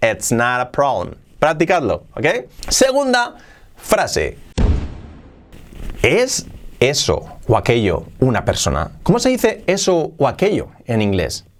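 Lively Spanish-speaking man teaching English. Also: fairly high pitch. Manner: lively, explanatory, repeats example phrases slowly. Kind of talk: online language lesson.

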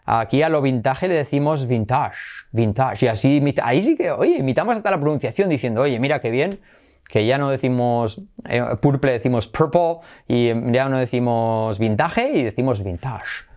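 A middle-aged man from Spain with a Spanish accent, hosting a playful online English lesson and jumping high in pitch for emphasis. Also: a little fast. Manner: lively, playful, swings high for emphasis and laughs. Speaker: English teacher, channel host.

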